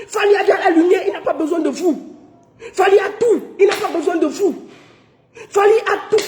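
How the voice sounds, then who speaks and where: A woman from Cameroon, ranting indignantly to the camera, shouting with bitter laughter. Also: very high voice. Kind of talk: angry rant to camera. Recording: roomy echoey room.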